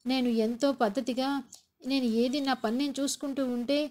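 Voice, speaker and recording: Woman doing a hurt young daughter-in-law, pleading and complaining, highish voice. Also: fairly even intonation, normal speed, a little mellow, close to an everyday voice. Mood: aggrieved.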